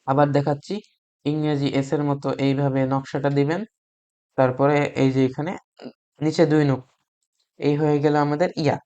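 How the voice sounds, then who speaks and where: A man teaching beginners to read Arabic letters, patient and repeating each sound slowly for learners to copy, with frequent hesitant fillers. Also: a little high, little pitch movement, darkish tone. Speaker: Quran reading teacher.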